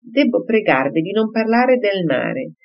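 A reader voicing a lively, tactful young woman in an audiobook, lightly wry. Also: mid-range voice, a little slow, gravelly, pitched above the performer's own voice. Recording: slightly muffled recording.

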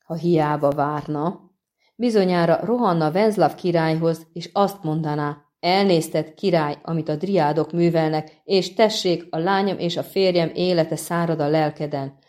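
Menacing male assassin, slow and sneering, read by a woman, low and mellow. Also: natural voice. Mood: mocking. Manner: slow, drawn-out, mocking. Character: cold, menacing male assassin, soft-spoken.

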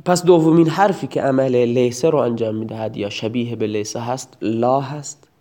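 A man's voice: medium pitch, mellow. A man teaching a recorded grammar lesson, explaining each word in turn and sometimes reciting verse in a chanting lilt.

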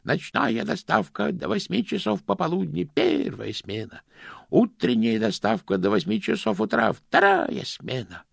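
A very old postman, weary and fussy, hedging his answers with patient hesitations, as a man puts him on. His voice is gravelly and husky, with lively rises and falls, recorded dry and close. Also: high voice, a little slow, no echo, voice pushed up, heavily acted. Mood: reciting. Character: very old male junior postman, weary and evasive.

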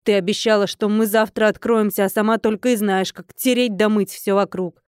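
A woman's voice: mid-range voice, fairly even intonation, a little fast, clean tone, no echo, close to an everyday voice. Stingy middle-aged innkeeper woman, grumbling and indignant, voiced by the female narrator; dry studio read. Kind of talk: audiobook character voice.

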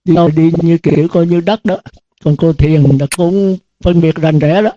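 A man's voice: a little high, steady tone, normal speed, warm tone, no echo. An older man, a Buddhist monk, giving a dharma talk to students in an earnest, repetitive cadence full of rhetorical questions. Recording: dull lo-fi dry recording.

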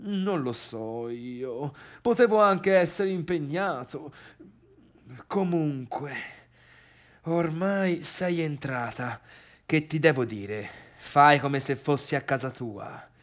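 Slow and a little high, this male actor's voice performs a theatre monologue as a gossipy, needling party guest and overbearing friend. He's chatty and insistent, repeating himself and addressing listeners directly, though here he sounds startled and awkward.

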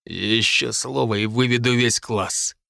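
A stern, exacting professor, as a male audiobook narrator puts him on, stumbling and repeating the first sound of words as he lectures slowly. His voice sits at an ordinary middle pitch and is recorded close and dry, with no room around it. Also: steady tone, vocal fry, pushed and bright, dry recording, heavily acted. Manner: stutters on consonants. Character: stuttering strict male professor, calm and exacting. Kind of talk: audiobook character voice.

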